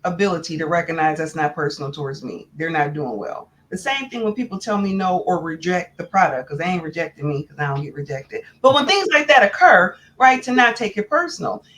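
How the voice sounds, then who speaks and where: A woman speaking as a guest in a casual panel discussion, measured and earnest. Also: on the low side, a bit bright.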